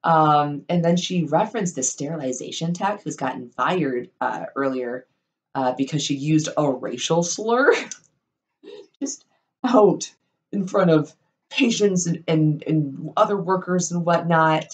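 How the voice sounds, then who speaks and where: A young woman tells a story in a casual vlog, rambling along with plenty of ums and likes and swearing freely with a wry edge. Her low voice is expressive and a little slow.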